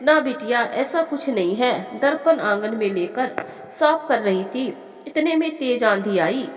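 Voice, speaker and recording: Grieving village mother, protective, woman storyteller voicing, slightly high, reverberant room. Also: expressive, unhurried. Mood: soothing. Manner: soothing, then lamenting to God. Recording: echoey room with long reverb.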